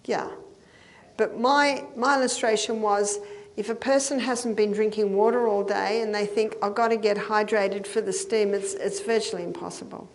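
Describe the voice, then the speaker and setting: An older woman speaks at normal speed and medium pitch, with fairly even intonation, as she delivers a step-by-step health lecture. She laughs occasionally and asks her listeners questions to make sure they follow.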